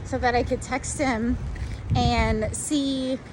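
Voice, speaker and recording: A chatty woman talking in a casual vlog, her voice sitting a bit high. She sounds excitable and leans on casual slang. Steady noisy ambience runs behind her. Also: slow. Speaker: reptile keeper vlogger.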